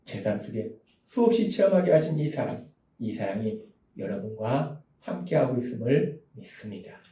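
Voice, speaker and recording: Male pastor, high lively preaching voice, loud bursts and hushed asides, heard from afar in an echoey church. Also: moderate pace. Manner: emphatic preaching, swinging from loud outbursts to soft hushed speech. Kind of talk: sermon. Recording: echoey church hall, distant mic.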